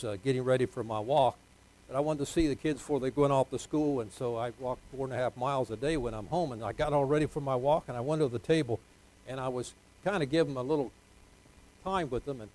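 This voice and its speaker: An older man preaching a folksy sermon, joking with the congregation, dropping to quiet asides and rising to loud, drawn-out emphasis. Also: medium pitch, poor audio. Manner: jokes with the congregation, asks for amens.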